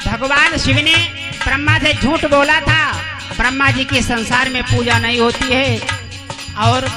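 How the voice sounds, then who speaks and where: Very high-voiced, slow-preaching man over music. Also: fairly even intonation. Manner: emphatic preaching, repeats lines, calls out to devotees. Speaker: devotional storyteller preacher. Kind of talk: devotional sermon storytelling.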